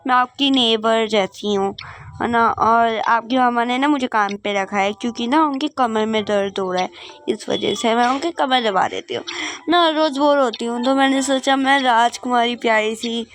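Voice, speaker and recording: A woman's voice: on the high side, moderate pace, a bit bright, faint music behind, natural voice. A woman voicing a young maid who pretends to be a neighbor and coaxes a little princess in a doll game. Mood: friendly. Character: young woman maid posing as neighbor, scheming but kind.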